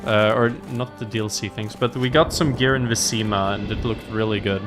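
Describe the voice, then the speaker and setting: A game streamer with a fairly low voice talks a little fast, giving casual, upbeat commentary as he plays. He thinks aloud as he goes, with faint game music in the background.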